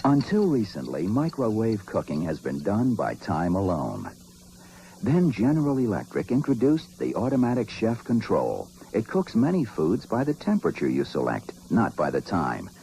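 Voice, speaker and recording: A man's voice: fairly low pitch, wildly swooping pitch, normal speed, dark tone. A man reading scripted TV commercial narration as an announcer. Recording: faint noise of old TV soundtrack.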